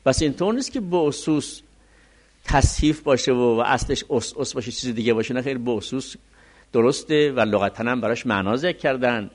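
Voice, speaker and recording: A man teaching a religious law lesson, reading classical text slowly and then explaining it quickly. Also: mid-range voice. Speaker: seminary teacher.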